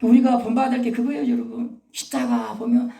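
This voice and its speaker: A pastor preaching a sermon in a folksy way, chuckling often and now and then bursting into shouts. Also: mid-range voice, flat delivery, brisk, creaky. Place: church sanctuary. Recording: echoey hall, mic at a distance.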